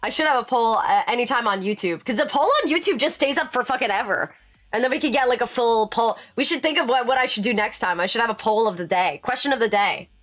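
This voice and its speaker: A woman streaming live in casual chat. She answers chat as she works and jumps to sudden high exclamations. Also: fast talker, a bit bright, soft background music. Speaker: VTuber streamer.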